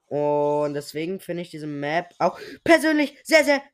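Sick with a sore throat, a young man hosting a gaming podcast mutters to himself while playing, offering casual, slangy solo commentary. He speaks a little slowly in a smooth, sing-song voice that's a little high.

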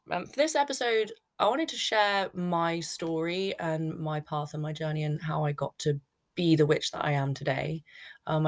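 A British woman in her thirties hosting a podcast, telling her own story in a casual, unscripted, rambling way. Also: sits low. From United Kingdom. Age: 30s. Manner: rambling, chatty, self-interrupting. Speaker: podcast host.

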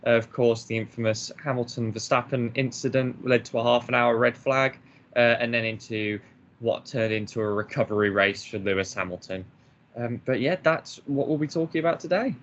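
Man, podcast co-host, blunt, opinionated, medium pitch, dull recording. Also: moderate pace, fairly bright tone. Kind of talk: casual chat.

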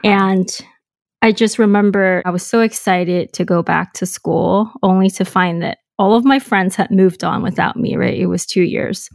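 In a studio-quality, echo-free recording, a Hong Kong woman in young adulthood tells her story on a podcast with a creaky, mid-range voice, fairly even intonation and moderate pace. She is reflective and talkative, laughing lightly and leaning on "um" and "you know."

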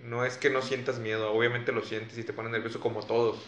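A man's voice: medium pitch, little pitch movement, fairly quick, slight background noise. Earnest Mexican man sharing a motto. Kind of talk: casual chat. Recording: echoey room with faint ambience.

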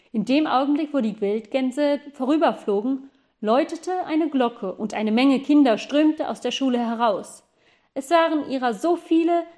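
A woman narrating a children's storybook in a calm, even reading voice. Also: high voice. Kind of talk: audiobook storytelling.

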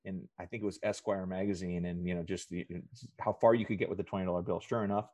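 A middle-aged man, a podcast guest, telling a story in a relaxed chat and acting out the voices he quotes. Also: low voice, fast, no room sound. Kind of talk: casual storytelling.

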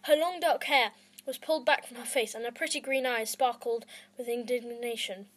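A woman's voice: on the high side, fairly even intonation, moderate pace, fairly bright tone, low-quality recording. Self-conscious woman reading a story aloud. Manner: self-conscious, stumbling over words. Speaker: podcast host and reader. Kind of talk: amateur audiobook reading.

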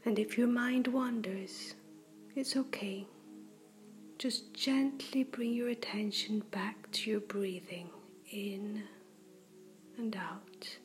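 A woman in a soft whisper, slowly and gently guiding a breathing meditation. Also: mid-range voice. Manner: slow, gentle and soothing. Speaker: meditation guide.

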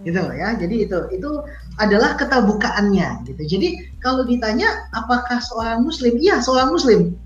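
A male guest in a casual interview, explaining at an easy pace and often trailing off with soft tag words. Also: very high-pitched, animated, normal speed. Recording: roomy, dull sound with faint music.

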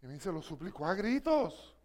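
A woman preaching a sermon with passion, swinging between hushed questions and loud, emphatic passages. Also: on the low side, very animated, normal speed.

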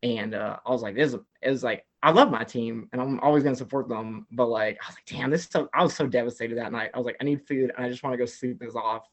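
A man spins a long, rambling story in casual chat. His voice sits at an ordinary middle pitch, and he leans heavily on "like" as he talks. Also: quick pace, few pauses, muffled recording. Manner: rambling, many "like" fillers, animated retelling. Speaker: podcast guest.

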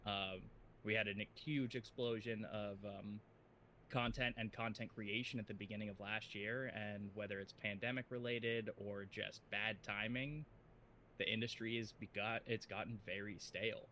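A man's voice: lowish voice, fairly even intonation, moderate pace, sharp tone, a little hiss or hum. A man co-hosting a casual gaming podcast, blunt and opinionated as he complains about the state of the games industry. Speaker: podcast co-host.

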